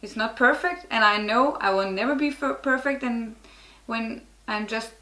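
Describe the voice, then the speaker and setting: A middle-aged Norwegian woman speaks English with a Norwegian accent as a guest on a casual interview, where she works as a network marketer. Her voice is fairly high, pushed and bright, at a normal speed in a reverberant space, and she is frank and often restarts her sentences.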